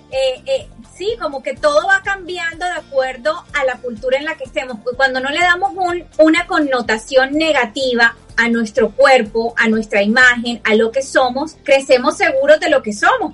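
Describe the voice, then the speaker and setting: High-voiced animated woman. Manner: animated storyteller, acts out quoted dialogue. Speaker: co-host. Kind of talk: casual panel chat on parenting.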